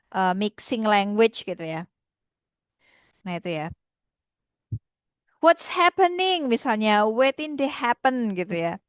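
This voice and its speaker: Young woman, student presenter, casual chatty explainer, higher voice, dry close recording. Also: no echo. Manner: chatty, frequent tag fillers, slowly acts out example phrases.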